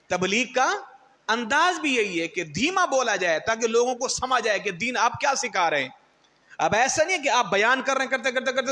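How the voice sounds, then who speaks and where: A man's voice: very high-pitched, pushed and bright, in a large hall. A man preaching a sermon, telling stories and acting out quotes and other people's mannerisms. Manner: storytelling, acts out quotes and mocks others' styles. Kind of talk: Urdu sermon.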